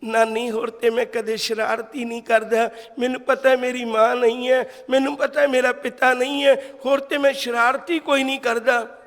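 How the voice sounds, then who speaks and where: A man's voice: extremely high pitch, little pitch movement, normal speed, a bit bright. A man quoting an orphaned young boy, speaking in an earnest, heartfelt way, in a hall. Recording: long hall reverb.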